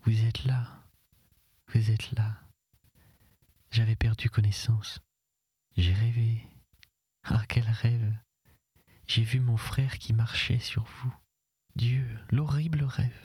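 A man reading an audiobook voices a young woman of twenty, hushed and breathy, urgent and resolute. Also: medium pitch, level tone, takes it slowly, long pauses, no echo, clean studio sound. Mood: dazed.

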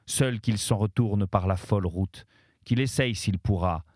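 A man's voice: on the low side, unhurried, a little mellow, no room sound, studio quality. A man reading as angry gatekeeping demons. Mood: hostile. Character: crowd of angry male demons at a gate. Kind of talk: audiobook-style literary reading.

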